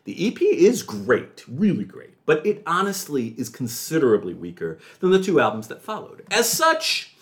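A man hosting a music podcast, talking with theatrical enthusiasm and jumping into high excited yelps. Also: normal speed, hardly any pauses. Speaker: podcast host.

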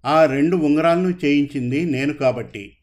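A man's voice: on the high side, moderate pace, a little mellow, lightly acted. A man voicing a grieving older father who speaks sternly about his son's crime in a told story. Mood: grave. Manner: sorrowful, stern.

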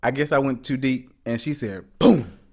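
A man's voice: medium pitch, normal speed. A man co-hosting a podcast in casual chat, joking and telling stories with lots of expression. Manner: animated, joking, storytelling. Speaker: podcast co-host.

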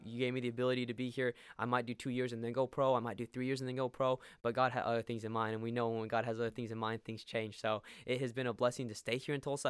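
A man's voice: medium pitch, clear, resonant tone, no room sound, studio quality. A man in his late twenties from Peru, a podcast guest sharing his faith testimony with earnest enthusiasm and often repeating words when stuck.

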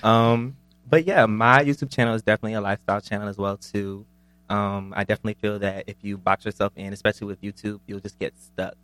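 Easygoing, chatty man guest, lowish voice. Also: steady tone, fast talker, fairly bright tone, slight background noise. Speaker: guest YouTuber. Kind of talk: interview answers.

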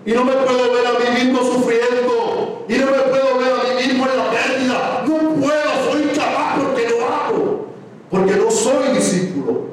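A man preaching a sermon, swinging from shouts to hushed words. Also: extremely high pitch, a little hiss or hum. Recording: echoey, distant room mic.

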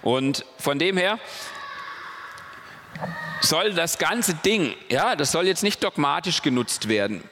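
A man's voice: on the high side, expressive, takes it slowly, pauses often, noisy background. A man giving a casual, conversational sermon, often checking in with his listeners. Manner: casual, conversational preaching with frequent "ja?" and "okay?". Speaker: preacher. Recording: long hall reverb.

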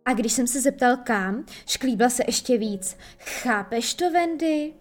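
A woman's voice: a little high, lively intonation, soft background music, close to an everyday voice. A woman reading a storybook voicing Peter Pan, a boastful, puzzled boy leader.

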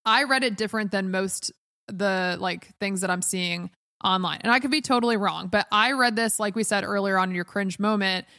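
A woman co-hosting a TV recap podcast, talking at a medium pitch. She speaks casually and with animation. Her voice is recorded close and dry, with no room sound. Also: normal speed, no room sound. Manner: animated, quotes characters in passing. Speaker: podcast co-host.

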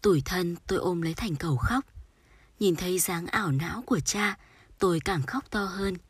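A woman reading a sorrowful short story aloud in a soft, storytelling manner. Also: lowish voice, normal speed, slightly rough, dry recording. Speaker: audiobook narrator. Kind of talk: scripted literary narration.

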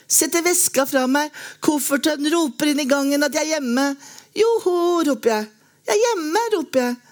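A woman reading a lyric poem aloud in a slow, measured, lyrical way with long pauses. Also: high-pitched, fairly even intonation. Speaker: poetry reader.

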